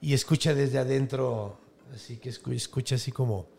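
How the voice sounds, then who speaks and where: Slangy Mexican man with a gravelly voice. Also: medium pitch, slight background noise. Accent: Mexican Spanish. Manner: slangy, animated, quick asides. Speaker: podcast host, storyteller. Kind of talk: casual retelling of a folk tale.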